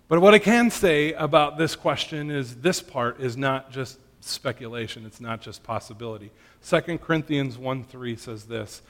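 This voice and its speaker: A man's voice: mid-range voice, fairly bright tone. A man giving an earnest sermon that answers questions, often checking in with his listeners. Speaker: pastor. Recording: long hall reverb.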